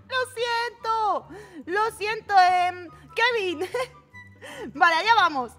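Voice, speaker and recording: A young woman with a Peninsular Spanish accent, giving excitable, giggly commentary while playing an online game, with game music in the background. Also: very high voice, very slow. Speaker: gaming channel host. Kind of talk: casual Roblox gameplay commentary.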